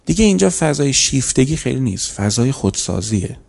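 Before a live audience in a lecture hall, a man speaks on faith and character and religious ethics in a mellow, dark, gravelly mid-range voice. He is very animated, keeping things conversational and telling small stories, then rising at times into sharp, emphatic bursts.

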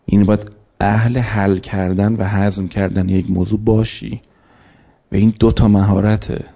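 A man's voice: on the low side, flat delivery, creaky, warm tone, husky. A man giving a conversational religious lecture to a live audience, telling stories and breaking into emphatic bursts. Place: lecture hall.

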